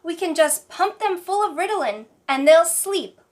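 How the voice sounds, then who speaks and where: A woman delivering scripted parody news as an anchor, in a deadpan newsreader manner. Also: very high voice, normal speed. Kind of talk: scripted mock newscast narration.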